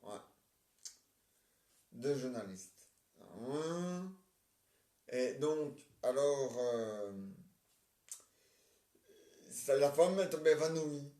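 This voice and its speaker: A man acting out a comic play and switching between roles, halting and stammering as he repeats his words. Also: medium pitch, expressive, warm tone. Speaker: amateur stage performer. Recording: roomy, distant mic.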